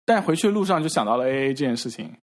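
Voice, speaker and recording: A man on a podcast, casually telling a story in halting repeats and acting out the quoted dialogue. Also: mid-range voice, lively intonation. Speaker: podcast regular. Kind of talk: casual chat.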